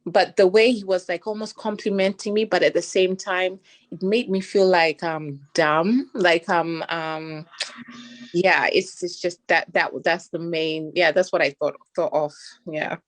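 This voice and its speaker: Woman, podcast co-host, lowish voice, candid halting casual talk. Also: steady tone. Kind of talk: casual chat.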